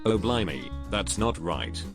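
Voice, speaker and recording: A man's old video voiced by a robotic text-to-speech voice, delivered flat and even. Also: low-pitched, a little slow, gravelly, pitched below the performer's own voice, exaggerated voice. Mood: deadpan. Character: YouTuber with a replaced robot voice. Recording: played from an old video with music behind.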